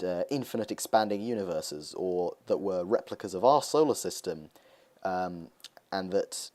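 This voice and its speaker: A man's voice: deep voice, warm tone. A young man talking casually over gameplay footage, rambling with lots of hesitations as he hosts his gaming video.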